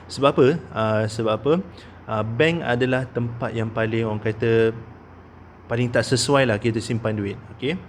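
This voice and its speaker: A man's voice: mid-range voice, steady tone, normal speed, a little hiss or hum. A man in his thirties with a Malaysian Malay accent, giving a casual investment talk as a consultant, with many "ah" fillers and "okey?" tags. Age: 30s.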